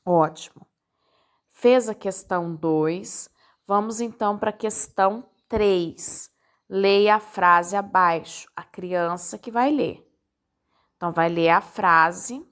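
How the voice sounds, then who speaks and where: Slow, patient woman teacher with a Brazilian accent. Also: mid-range voice, a bit bright. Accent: Brazilian Portuguese. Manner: patient, step-by-step, checking in with "tá?". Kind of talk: recorded lesson for parents.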